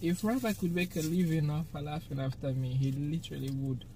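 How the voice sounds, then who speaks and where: A woman's voice: low voice, fairly even intonation, a little fast, warm tone. A young Jamaican woman talks casually while eating, recorded on a phone in a parked car at night. She is chatty and laughs often between her points. A faint hiss runs under her voice. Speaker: vlogger. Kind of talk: casual eating-show chat.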